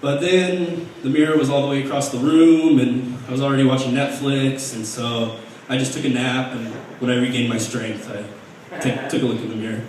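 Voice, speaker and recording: A young man performing an open mic stand-up set, deadpan and halting, with restarts and fillers. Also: medium pitch, slight background noise. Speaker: stand-up comedian. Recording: very echoey room heard from a distance.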